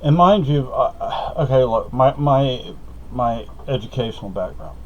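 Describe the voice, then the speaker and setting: Speaking at a measured pace, a middle-aged native Spanish speaker from Spain tells a meandering personal story for his vlog, with frequent fillers and self-corrections. His medium-pitched voice is expressive and darkish. Slightly dull lo-fi audio adds a little hiss or hum.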